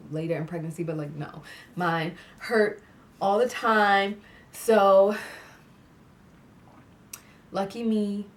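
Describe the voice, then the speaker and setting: Recorded from a distance, a medium-pitched female vlogger chats casually on camera about her pregnancy. She sounds stuffy-nosed, clears her throat, laughs a lot, and keeps saying "like". The setting is an indoor room with fairy lights.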